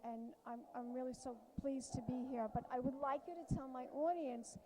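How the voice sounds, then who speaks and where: Female show host, high register, conversational interviewing delivery. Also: steady tone, normal speed, noisy background.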